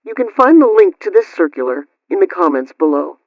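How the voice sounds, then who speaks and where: Brisk and sing-song, a man with a high-sitting voice reads scripted household advice as a radio host, formally and instructively, enunciating carefully as he poses a question and answers it. Heavy background noise accompanies a dull, lo-fi radio-style sound.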